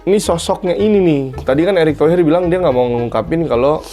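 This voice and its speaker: A man co-hosting a casual podcast chat, agreeable and relaxed. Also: on the high side, fast talker, soft background music. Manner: agreeable, often backs up the other host. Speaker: podcast co-host.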